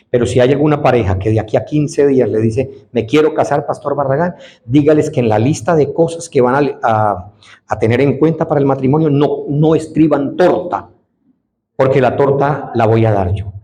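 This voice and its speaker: A man preaching an evangelistic sermon as pastor, swinging between soaring emphasis and hushed asides. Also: medium pitch. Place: church sanctuary. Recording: roomy church echo.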